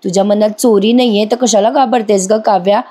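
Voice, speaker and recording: A scornful, scheming older woman from a TV serial, accusing and cutting, read by a woman narrator. The voice stays mellow and sits at a middle pitch. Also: steady tone, fairly quick, lightly acted.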